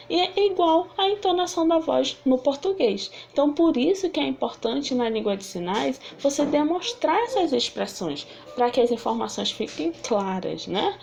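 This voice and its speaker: A woman's voice: vocal fry, slight background noise. A woman teaching a sign language lesson, acting out example phrases and thinking aloud with restarts. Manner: acts out example phrases with lively shifts of pitch. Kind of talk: online lesson.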